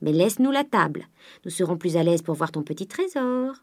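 Woman doing old male miser, greedy, domineering, coaxing then blustering, lowish voice. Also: lively intonation, fairly quick. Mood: wheedling.

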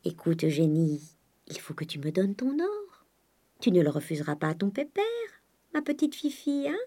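A woman's voice: on the low side, animated, moderate pace, a little mellow. Woman reading as greedy old miser father. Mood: wheedling. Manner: wheedling then blustering.

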